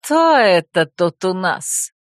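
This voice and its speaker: A woman's voice: fairly low pitch, takes it slowly, a bit bright, no echo, studio quality. A woman voicing a predatory young male werewolf bully in an audiobook, drawling his words in a mocking, gloating way. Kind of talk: audiobook character voice.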